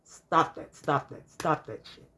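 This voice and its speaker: A somewhat slow, pushed, bright voice belongs to an advice vlogger in their fifties speaking casually to camera. They repeat their points, rattle off long series of examples, and lean heavily on "you know."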